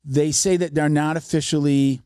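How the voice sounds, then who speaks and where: A man's voice: on the high side, fairly even intonation, moderate pace, warm tone, clear, resonant tone, no echo, clean studio sound. Rambling man hosting a podcast. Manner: rambling, many restarts and fillers. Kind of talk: casual podcast conversation.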